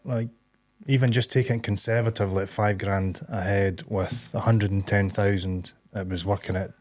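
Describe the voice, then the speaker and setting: A Scottish man with a very low voice, chatting casually as a podcast co-host. He tells stories in a relaxed, rambling way and often breaks into laughter. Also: moderate pace. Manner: chatty storyteller, easygoing, drops into laughter. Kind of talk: casual chat.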